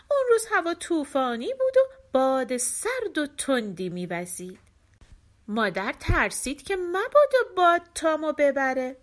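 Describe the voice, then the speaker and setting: A woman narrating a folk tale in an animated storytelling manner. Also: a little high. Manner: animated, voices quoted characters.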